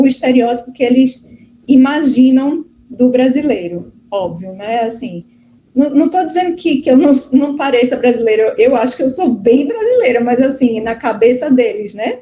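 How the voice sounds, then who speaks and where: A woman's voice: a little high, mellow, rough recording. A middle-aged woman from Brazil, a guest professor answering interview questions in a chatty way, full of fillers and restarts. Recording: faint background noise.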